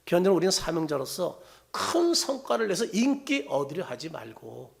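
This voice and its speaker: A man's voice: fairly high pitch, very animated, normal speed, vocal fry. A middle-aged man preaching a sermon as pastor. He asks his congregation questions and answers them himself, rising and then dropping to near-whispers.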